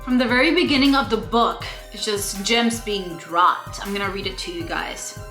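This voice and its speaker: A woman's voice: medium pitch, moderate pace, over music. A woman in her late twenties from Cuba, talking candidly in a casual vlog book review and slipping in playful slang. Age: 20s. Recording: roomy echo.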